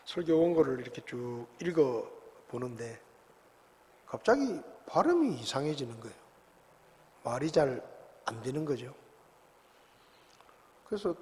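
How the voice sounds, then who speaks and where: A man's voice: on the high side, darkish tone. A man, a pastor preaching a sermon in a conversational, storytelling way with rhetorical questions. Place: church sanctuary. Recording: long church hall reverb.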